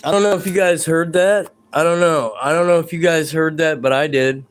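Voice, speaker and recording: With faint music behind him, a man whose voice is fairly high-pitched, a little fast, and clean hosts a live stream from his bedroom. He chats with viewers and with the spirits he says are nearby in a rambling, hesitant way.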